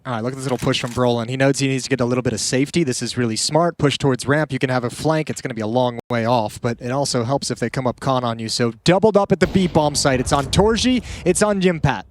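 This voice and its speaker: A man's voice: medium pitch, fast talker, hardly any pauses, a little hiss or hum. A man giving live esports colour commentary on a headset, analytical and chatty, breaking down plays and economy. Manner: analytical, chatty, laughs easily. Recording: game sound effects behind the voice. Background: game sound effects.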